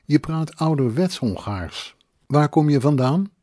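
A man voicing a sharp-tongued, bossy middle-aged widow who talks curtly, raising his voice for her. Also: a little high, expressive, unhurried, no room sound, studio quality, voice pushed up. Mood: curious. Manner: snappish, curt.

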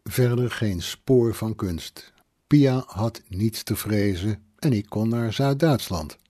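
A male audiobook narrator reading a first-person story in a measured, plain storytelling manner. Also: lowish voice, dark tone, no echo, studio quality.

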